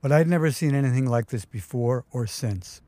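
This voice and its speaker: A man's voice: mid-range voice, normal speed, warm tone, dry recording. Man narrating a wry memoir. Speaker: storyteller. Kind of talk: first-person memoir narration.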